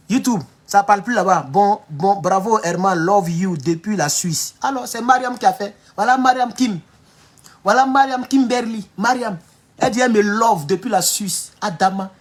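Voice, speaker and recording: An animated Ivorian French man livestreams casually as an online political commentator, reading viewer comments. He laughs often, mocks freely, and swings from quiet mutters to loud outbursts while nursing a sore back.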